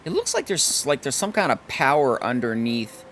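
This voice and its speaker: Hoarse man narrating his gameplay. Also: medium pitch, normal speed, slight background noise. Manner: thinking aloud, relaxed, self-correcting. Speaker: let's play host. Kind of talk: casual gameplay commentary.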